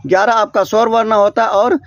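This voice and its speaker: A man with a fairly high voice teaches a grammar lesson, posing each question and answering it himself in a steady drill. He often stops to restart or correct a word. The sound is dry and close, with little room echo. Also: brisk, gravelly, lo-fi sound. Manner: frequent self-corrections and restarts. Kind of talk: classroom-style grammar lesson. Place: small room beside a board.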